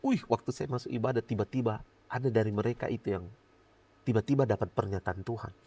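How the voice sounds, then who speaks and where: A middle-aged male pastor giving a lively personal testimony in a podcast interview, laughing often and acting out his own prayers. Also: fairly low pitch, quick pace, breathy edge, no echo.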